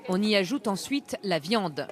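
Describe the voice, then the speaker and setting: A woman's voice: mid-range voice, expressive, unhurried, music in the background. A woman reporter reading scripted narration for a television news report.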